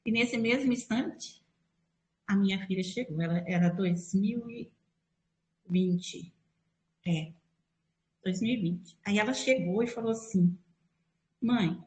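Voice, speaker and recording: A middle-aged woman from Brazil recounts a personal faith testimony in a casual storytelling way, voicing the dialogue she remembers. She speaks at a mid pitch, and her voice carries the echo of a reverberant room. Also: a little slow, pauses often, dark tone. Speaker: church member giving testimony. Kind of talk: spoken religious testimony.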